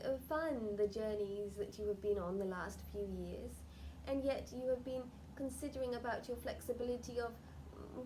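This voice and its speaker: Woman, seance medium, higher-pitched voice, solemn channelled-spirit delivery, oracular formal phrasing, live group session, noticeable background noise. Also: dark tone. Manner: seance medium speaking as a channelled spirit, addressing sitters as "dear one" and "we". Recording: noisy live group recording.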